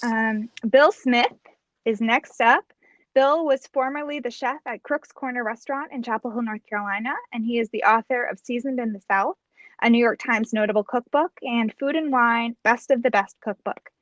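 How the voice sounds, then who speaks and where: A woman hosting an online book event, briskly reading guest introductions over a video call. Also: a little high, no echo. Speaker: bookstore event host.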